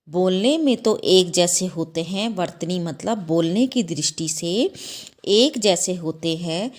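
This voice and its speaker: A woman teaching a class of young children, explaining slowly and patiently, often checking understanding with a rising "okay?". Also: a little mellow. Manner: repeats "ठीक है?" with a rising pitch, asks children questions; slow, patient, self-correcting. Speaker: school teacher. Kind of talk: slow explanatory class lesson.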